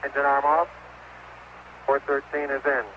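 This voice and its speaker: A man's voice: mid-range voice, completely flat delivery, a little slow. A man in a lunar lander giving clipped, matter-of-fact radio callouts over a space radio link with beeps and static. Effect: space radio transmission with beeps and static. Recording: noisy, dull radio transmission from space.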